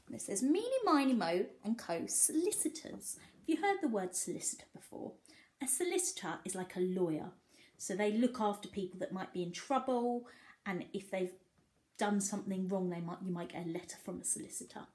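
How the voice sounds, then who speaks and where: A mid-range female voice reads a picture book to young kids with plenty of expression. Like a teacher, she pauses to explain and to pose easy questions.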